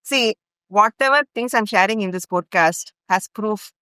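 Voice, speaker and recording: A middle-aged Indian woman who grew up in Bhopal appears as a podcast guest and longtime ashram volunteer, telling a long personal story in Indian-accented English. Her medium-pitched voice is unhurried, bright, smooth, and pushed, with no room sound. She speaks earnestly, linking events in long chains padded with fillers.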